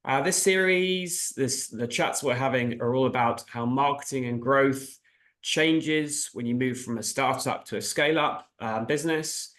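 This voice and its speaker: A man with an average-pitched voice hosts a casual interview. He introduces and asks in a hesitant, loosely phrased way, circling toward each question. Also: fairly bright tone. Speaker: host, interviewer.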